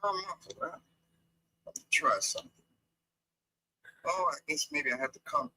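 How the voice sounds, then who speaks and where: A man talking in a halting way with many fillers as a guest on a call-in stream, his audio muffled and scratchy from a phone connection. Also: fairly high pitch, bright, forceful tone, husky. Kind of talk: casual debate chat.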